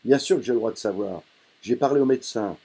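A man's voice: medium pitch, fast, dark tone, slightly rough, pitched above the performer's own voice. A man reading an audiobook, voicing a cold, domineering middle-aged father who speaks in a commanding, dismissive way.

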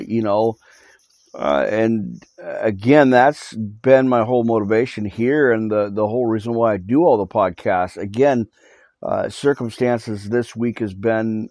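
A pastor recovering from voice loss reads scripture and gives a live prayer update for his podcast, halting with many fillers and restarts and earnestly urging repentance. His mid-range voice has a darkish tone, recorded with no echo on a cell phone in a small home studio room.

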